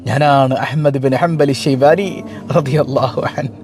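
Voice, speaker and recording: A man voicing a revered old male scholar who speaks calmly and gently. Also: medium pitch, a little slow, soft background music, voice pushed down, close to an everyday voice. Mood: gentle.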